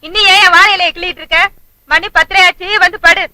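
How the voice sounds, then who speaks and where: A woman's voice: very high voice, steady tone, brisk, sharp tone, dry recording, exaggerated voice. An actress playing an exasperated wife who scolds her drinking husband in a film comedy scene. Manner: nagging, scolding.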